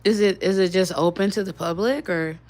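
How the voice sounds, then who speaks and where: A woman's voice: mid-range voice, brisk, darkish tone. Rambling, chatty young woman on a livestream. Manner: rambling and chatty, talking to viewers; swears casually. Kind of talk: casual live-stream chat.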